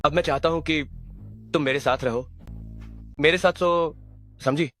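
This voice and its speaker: A man's voice: on the high side, measured pace, a bit bright, faint music behind. An actor dubbing a domineering young male company president with amnesia, speaking in a commanding, possessive way. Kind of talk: dubbed drama dialogue.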